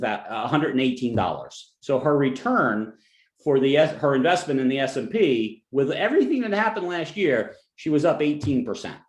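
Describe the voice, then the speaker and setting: A financial advisor from New Jersey, with the accent to match, gives a client webinar presentation in a conversational style, cracking jokes on the side and often restarting his sentences. His voice is medium-pitched and sounds roomy.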